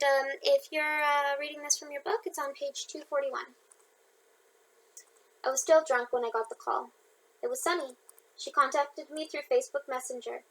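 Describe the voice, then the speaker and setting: A woman's voice: high voice, rough recording. A young woman reading her own audiobook aloud in an informal way, with slips and chatty asides to listeners. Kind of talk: audiobook narration.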